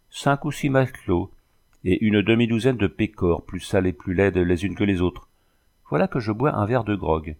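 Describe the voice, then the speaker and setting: A swaggering old sea dog spins his tall tale in a low, gravelly voice, as a narrator puts him on. He swears by thunder and the devil as he boasts. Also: a little mellow. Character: boastful old Irish sailor, rough talker.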